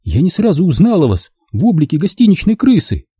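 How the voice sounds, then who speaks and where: Casting note: soft-spoken polite nurse, raised pitch, husky tone, played by a male reader. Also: huge pitch swings, brisk, dry recording, clean studio sound, full character voice. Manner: quiet and polite. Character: composed young female nurse. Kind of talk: audiobook character voice.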